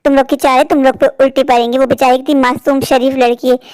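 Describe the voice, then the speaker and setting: A woman's voice: high voice, little pitch movement, fast talker, a little mellow, clear, resonant tone, no echo, natural voice. A woman voicing a righteous, outspoken neighbor aunt in a cartoon story, lecturing and indignant. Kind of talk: cartoon voice acting.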